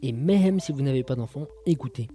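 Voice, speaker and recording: A man hosting a podcast, reviewing audio shows with a mellow, relaxed voice. He talks casually and sardonically, full of quips. Faint music plays behind him. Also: mid-range voice, fairly quick. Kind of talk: casual chat.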